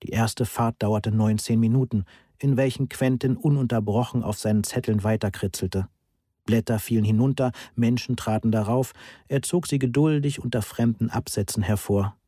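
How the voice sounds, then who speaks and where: A man reading a first-person story aloud in an even, matter-of-fact way. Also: medium pitch, normal speed, dry recording, studio quality. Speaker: audiobook narrator. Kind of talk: scripted first-person narration.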